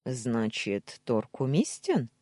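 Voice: medium pitch, huge pitch swings, takes it slowly, warm tone, no echo, studio quality, full character voice. A narrator voicing the hero, a brooding young man bent on revenge, speaking grimly.

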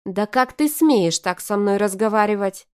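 A woman voicing a shrill, scheming young woman who shrieks indignantly at her ex. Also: animated, moderate pace, smooth, lightly acted.

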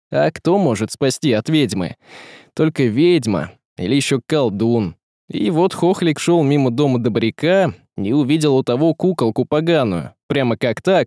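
A man's voice: medium pitch, warm tone, no echo, clean studio sound. A man narrating a story as an audiobook reader, telling it expressively and voicing each character. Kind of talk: scripted narration.

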